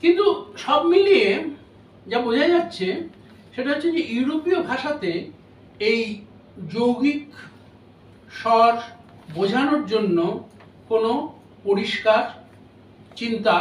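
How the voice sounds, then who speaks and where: A man giving a memorial lecture on phonetics, speaking in a measured, explanatory way with pauses between phrases. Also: very high-pitched, sing-song. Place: lecture hall. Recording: roomy hall audio from a distance.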